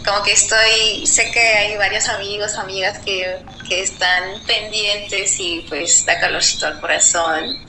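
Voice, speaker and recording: A woman from Guadeloupe, a guest artist speaking slowly and reflectively on live radio. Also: medium pitch, steady tone, pushed and bright. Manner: slow, reflective, hesitant. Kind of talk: live radio conversation over a remote call. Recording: echoey remote line with noise.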